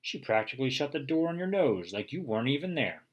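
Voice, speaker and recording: A man's voice: mid-range voice, very animated, quick pace, highs cut off, voice pushed up. Man voicing a huffy blunt house dog.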